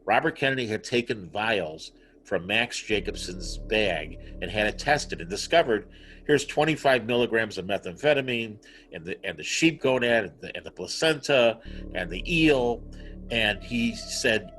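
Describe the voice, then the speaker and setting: A man's voice: fairly low pitch, normal speed, soft background music, low-quality recording. A man who is a guest author, telling a story animatedly over a video call. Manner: animated storyteller, acts out quotes. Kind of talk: conversational storytelling.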